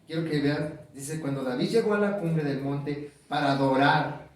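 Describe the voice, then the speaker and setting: Male preacher, sermon delivery, quizzes the crowd and repeats key words; high voice, boomy distant room sound. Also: normal speed, very echoey. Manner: asks the congregation questions and repeats key words.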